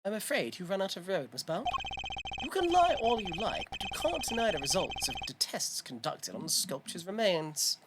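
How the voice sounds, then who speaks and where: Stern game prosecutor, formal and even-toned, read by a woman. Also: background noise, natural voice. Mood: cool. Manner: measured, formal, lowered voice. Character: stern male prosecutor, calm and cutting.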